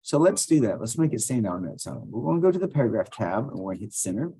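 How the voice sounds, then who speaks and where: He talks fast in a sing-song way, his voice on the low side, creaky, dark and husky. The male teacher casually walks students through a computer task step by step, talking while clicking in a screen-recorded software tutorial.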